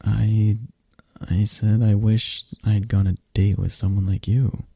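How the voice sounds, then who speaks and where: With a fairly low pitch, vocal fry, and a slightly rough texture, a young man talks slowly in a dry recording. He's performing scripted ASMR roleplay as a close friend, animatedly chatting to someone unheard.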